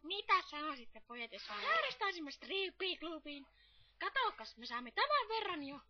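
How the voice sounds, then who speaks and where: A man voicing a flirty woman who pitches a strip club, in a coy, breathy falsetto. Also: big pitch swings, lo-fi sound, background noise.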